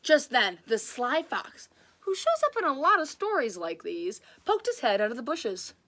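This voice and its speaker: A woman reading aloud as a storyteller, casual and chatty, with an enthusiastic, expressive delivery. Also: high-pitched, moderate pace.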